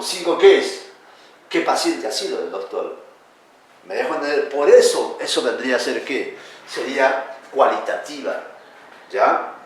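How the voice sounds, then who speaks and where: A man teaching a class, lively and questioning, calling his students "hijo". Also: fairly high pitch. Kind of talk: classroom lecture. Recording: echoey room, speaker far from the mic.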